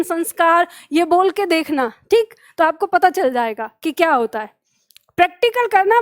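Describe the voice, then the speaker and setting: A woman's voice: extremely high pitch, no echo, studio quality. A woman teaching an online exam-prep language lesson, explaining step by step, asking the students questions and drilling the sounds aloud with them. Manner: asks the students questions and answers them herself. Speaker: Hindi teacher.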